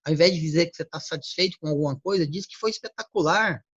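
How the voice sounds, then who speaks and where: A man giving a motivational talk on word choice, acting out quick everyday exchanges. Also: on the high side, fairly bright tone, breathy edge, no room sound. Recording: dull lo-fi recording.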